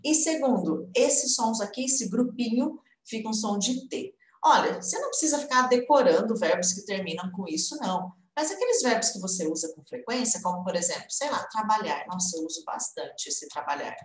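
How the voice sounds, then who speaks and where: A young adult woman with a Brazilian Portuguese accent, teaching an online English lesson in a lively way and slowly repeating example words. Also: medium pitch. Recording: roomy indoor echo.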